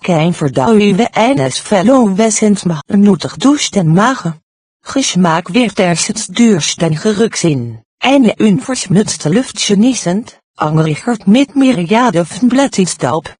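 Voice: mid-range voice, lively intonation, takes it slowly, darkish tone, no echo, studio quality. A computer-generated voice of unclear sex reading scripted audiobook narration, with stilted phrasing and odd pronunciations. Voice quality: synthetic computer voice. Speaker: audiobook reader.

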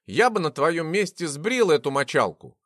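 A man's voice: a little high, big pitch swings, normal speed, fairly bright tone, no room sound, clean studio sound. A man doing a blunt, startled young guy. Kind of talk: audiobook character reading.

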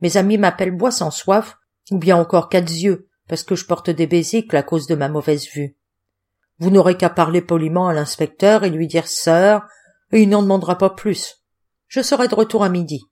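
A woman's voice: fairly low pitch, normal speed, lightly acted. Woman putting on a whining hungover roadman. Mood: relieved, chatty. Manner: whining, complaining, loud. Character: hungover grumbling middle-aged male roadman.

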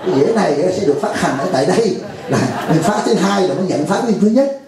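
A man's voice: sits high, animated, quick pace, heavy reverb, heavy background noise. A man giving a dharma talk to a lay audience, jovial and teasing, acting out a pleading caller. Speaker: Buddhist monk teacher.

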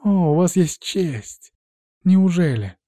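A cold, vengeful young woman, put on by a male reader, who drawls her threats slowly and mockingly in a raised, lighter voice. The tone is dark and mellow, and the dry close recording keeps every word intimate. It sounds like a storybook read aloud. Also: high voice, lively intonation, dry recording, pitched above the performer's own voice. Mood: cold menace.

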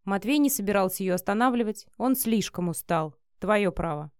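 A woman reading a romance novel aloud as an audiobook narrator, in an even, steady manner. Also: mid-range voice, brisk, no room sound, clean studio sound.

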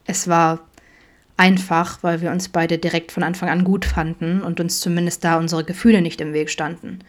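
An audiobook voice of a caring, awkward father, as a woman reads him. He talks softly and stammers when the topic gets uncomfortable. The delivery sits a little low. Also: level tone, moderate pace, natural voice. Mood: reflective. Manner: gentle, stammering. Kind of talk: audiobook reading.

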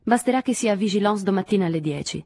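A curt, impatient young man, read by a woman with a husky, lowish voice. Each line comes out clipped and reproachful, recorded close and dry. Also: animated, fast, mellow, dry recording. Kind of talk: audiobook reading.

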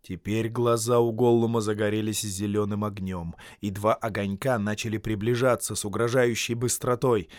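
A man reading a fantasy tale aloud as an audiobook, with expressive storytelling and dramatic shifts in loudness. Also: on the low side, moderate pace, hardly any pauses, no room sound, clean studio sound. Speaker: audiobook reader. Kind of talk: scripted narration.

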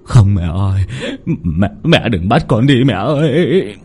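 A man's voice: on the low side, expressive, slow, mellow, husky, full character voice. A man voicing a terrified old man haunted by guilt, stammering and pleading. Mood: panicked.

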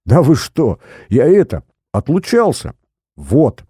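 A man's voice: mid-range voice, huge pitch swings, slow pace, dark tone, husky, no echo, studio quality, pitched above the performer's own voice, exaggerated voice. A man reading an audiobook, voicing a cheeky, boastful teenage schoolboy in a raised, brash tone. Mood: cocky. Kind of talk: audiobook character voice.

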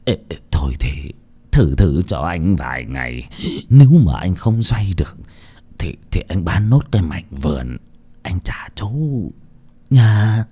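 A man voicing a sick, cowardly older male gambler who whines in a breathy, stammering half-whisper. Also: medium pitch, big pitch swings, a little slow, pauses often, exaggerated voice. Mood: whining. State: ill, panting.

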